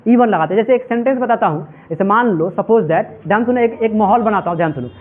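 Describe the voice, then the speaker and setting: A man's voice: sits high, fast. A male English teacher giving a classroom lecture, asking his students question after question and calling them "my children". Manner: repetitive call-and-response questioning. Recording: tinny phone-like audio.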